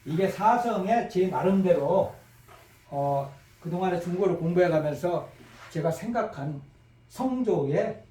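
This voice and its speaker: A middle-aged man teaching a recorded language lecture, acting out phone calls and crisp shouted replies to demonstrate tones. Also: high-pitched. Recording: echoey room, voice a bit far from the mic.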